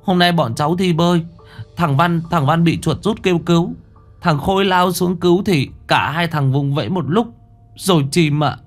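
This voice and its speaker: A man's voice: on the high side, moderate pace, faint music behind, pitched above the performer's own voice, close to an everyday voice. A man voicing a frightened village boy who stammers in panic while reporting an accident.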